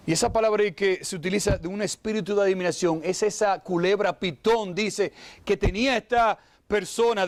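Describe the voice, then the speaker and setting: A man's voice: high-pitched, no room sound. A man preaching a sermon, who exclaims often, asks his listeners direct questions and acts out the voices of figures in the story. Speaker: pastor.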